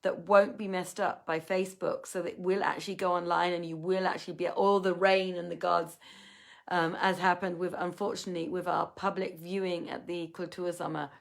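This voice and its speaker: A woman hosting an online reading, telling an old tale in measured storytelling style, then signing off casually to viewers while tired. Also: fairly low pitch, flat delivery, gravelly. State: tired, yawning. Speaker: host and reader. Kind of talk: reading a classic tale aloud.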